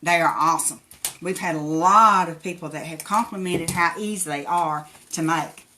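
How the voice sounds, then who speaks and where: Female craft livestream host, Tennessee Appalachian accent, bright forceful voice, folksy and chatty. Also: on the low side, moderate pace, slight background noise. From Tennessee, United States. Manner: folksy, chatty, thanks viewers by name. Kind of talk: casual live craft demonstration, greeting viewers.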